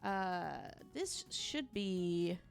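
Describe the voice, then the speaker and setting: A woman ranting casually through a fan theory, rambling and animated, with emphatic asides and casual swearing. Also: lowish voice, drawn-out words, gravelly, faint music behind. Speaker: video game fan theorist.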